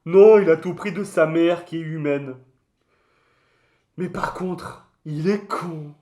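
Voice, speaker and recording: A man's voice: a little high, slow, warm tone. A man voicing a touchy, boastful mascot creature in a comic mock interview, rambling in crude slang. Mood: exasperated. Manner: slangy, crude, hesitant rambling storytelling with outbursts.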